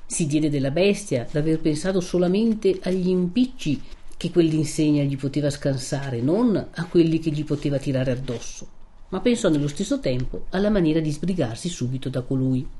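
A woman narrating a novel aloud in a measured, steady storytelling manner. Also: sits low, slight background noise.

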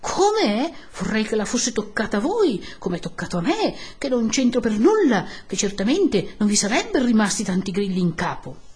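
A woman's voice: mid-range voice, expressive, slow, husky, heavily acted. A woman voicing an elderly, timid male country priest who pleads and scolds in a fretful way. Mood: scolding, aggrieved. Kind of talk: audiobook character voice.

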